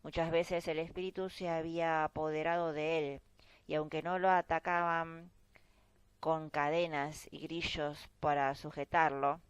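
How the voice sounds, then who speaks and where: A woman reading a Bible chapter aloud in a slow, measured way. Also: low voice, clean tone, dry recording, poor audio. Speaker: Bible reader. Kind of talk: scripture reading.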